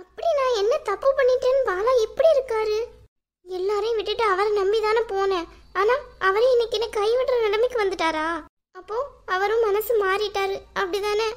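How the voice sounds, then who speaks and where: A woman's voice: extremely high pitch, normal speed. A woman voicing a heartbroken young wife in a cartoon who laments through sobs. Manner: sobbing, self-pitying lament.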